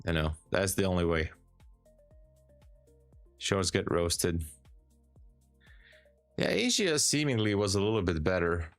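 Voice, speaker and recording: Reading viewer comments aloud on a live stream, a Hungarian-accented man answers them calmly and casually, often repeating words for emphasis. His low voice is unhurried, with long pauses, on a dry recording with soft background music.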